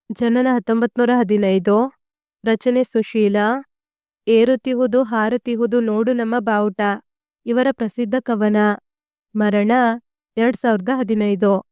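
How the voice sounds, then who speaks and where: A woman reading out school study notes slowly and deliberately, as a teacher dictating answers. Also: a little high, steady tone, dark tone, clean tone, no room sound, studio quality. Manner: slow, deliberate, evenly paced reading.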